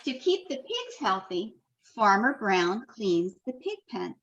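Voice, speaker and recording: Slowly and in a mid-range voice, this woman reads a picture book to a group of young children, storytelling with expression and slipping in warm side comments. The sound is dull.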